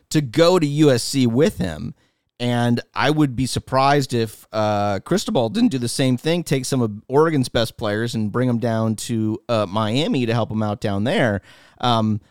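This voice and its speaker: A middle-aged podcast co-host chats casually but emphatically about sports and culture. His voice is mid-range, captured in a dry, studio-quality recording.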